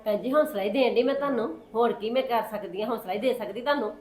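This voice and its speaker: A woman with a Punjabi accent playing a sly neighbour in a short film, talking quickly and repeating her denials. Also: fairly high pitch, natural voice. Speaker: neighbour Sukhwinder.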